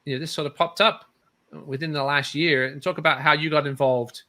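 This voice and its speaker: Male show host, bright voice, slightly high, chatty, rambling. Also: steady tone, brisk. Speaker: podcast host. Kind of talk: casual chat hosting.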